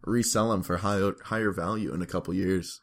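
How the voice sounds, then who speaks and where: Laid-back young man, low voice. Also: steady tone, fairly quick. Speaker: podcast co-host. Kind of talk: casual chat.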